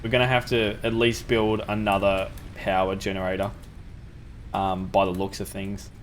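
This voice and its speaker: A young man with a sore throat hosts his channel, casually commentating on a factory-building game and thinking aloud with ums. His voice is lowish and flat, at a normal speed, with slight background noise.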